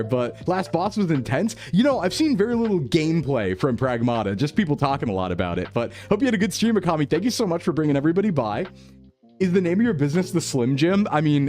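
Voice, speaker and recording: Through a livestream headset mic, a male VTuber with a fairly high, darkish voice chats casually with viewers. He's playful and jokey, laughing often.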